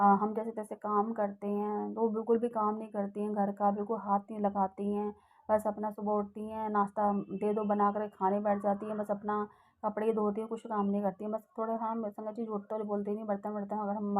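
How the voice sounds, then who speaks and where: Mellow-voiced woman telling a rambling testimony. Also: medium pitch, completely flat delivery, fairly quick, poor audio. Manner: rambling and heartfelt, many hesitations. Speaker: devotee sharing a testimony. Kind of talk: personal satsang testimony.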